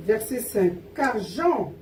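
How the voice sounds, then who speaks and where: Halting woman reading scripture in an echoing room. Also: a little high, very animated. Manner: halting, stumbles and corrects herself. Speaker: scripture reader. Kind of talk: reading Bible verses aloud. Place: church service over a sound system. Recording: roomy, distant pickup with faint noise.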